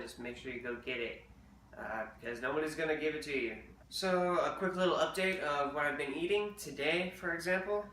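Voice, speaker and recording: A man's voice: mid-range voice, pushed and bright, distant mic, a little hiss or hum. A man rambling casually through a diet update vlog, with lots of fillers and restarts. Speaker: vlogger. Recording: roomy, off-mic with faint ambience.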